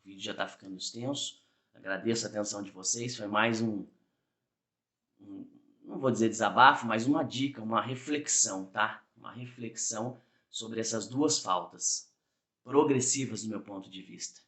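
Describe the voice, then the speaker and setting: Speaking at normal speed in a lowish, slightly bright voice, this Brazilian Portuguese-accented man teaches a driving exam lesson on video. His style is chatty, peppered with "tá?" tag questions, and he voices small asides while acting out examples.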